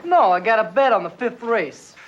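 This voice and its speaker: An actor playing a cocky, defiant teenage gang leader in a TV comedy, brash and insolent. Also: male voice, sits high, animated, normal speed, muffled recording. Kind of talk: TV comedy acting. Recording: noisy TV soundtrack.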